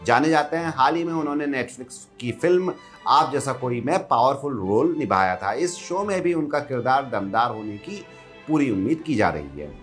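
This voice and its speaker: A man's voice: mid-range voice, animated, normal speed. Male entertainment news voice-over, faint music. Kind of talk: scripted entertainment narration.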